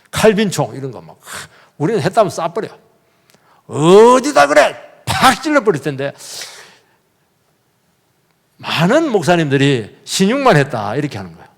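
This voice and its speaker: A male pastor preaching a sermon in a church, telling the story vividly and putting questions straight to his congregation. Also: fairly high pitch. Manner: lively, questions the congregation directly; animated storytelling with sudden emphatic bursts. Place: church sanctuary. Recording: long reverb of a church hall.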